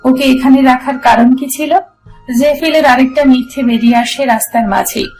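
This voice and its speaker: A woman narrating a romance audio story in a steady storytelling manner. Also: sits high, poor audio.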